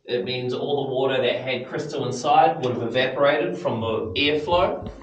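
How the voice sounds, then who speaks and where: A man speaks as an informal tour guide, explaining things to a group in a casual, instructive way. His medium-pitched voice rings with a heavy cave echo. He is picked up some distance from the microphone, with slight noise around him. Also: normal speed. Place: inside a limestone cave. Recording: echoing cave, distant mic, faint noise.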